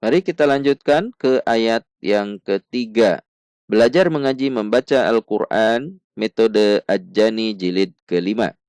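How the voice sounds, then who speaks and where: A man leads a Quran recitation lesson at a very unhurried pace, sounding out each syllable again and again and setting correct sounds against mistaken ones. His voice is smooth and clear at a middle pitch. The sound is dry and close, with no room echo. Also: darkish tone. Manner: patient, repeats each syllable and contrasts right and wrong sounds; chants Arabic verses in a melodic recitation. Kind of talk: slow step-by-step recitation lesson.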